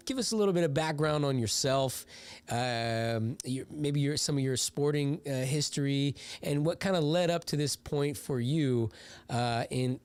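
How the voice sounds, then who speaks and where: A man's voice: fairly high pitch, a little mellow, smooth, no echo. A man hosting an interview show, upbeat and enthusiastic, stumbling over his questions. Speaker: show host.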